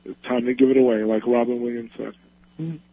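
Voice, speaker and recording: Gravelly caller on a phone line. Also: male voice, medium pitch, little pitch movement, normal speed, dry recording. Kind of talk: phone-in call.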